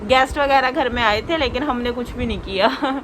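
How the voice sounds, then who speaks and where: A young woman talks in a chatty, confiding way for her vlog, voice a little high. Her throat is sore after a flu. A faint hum of noise sits behind her. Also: a bit bright. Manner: chatty, confiding, drawn-out complaints. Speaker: vlogger. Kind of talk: casual home vlog chat.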